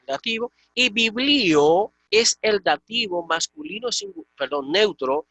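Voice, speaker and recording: Bright-voiced man teaching Greek grammar. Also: high-pitched, expressive, a little slow, no room sound. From Dominican Republic. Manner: explains patiently, checks with students. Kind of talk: online class lecture.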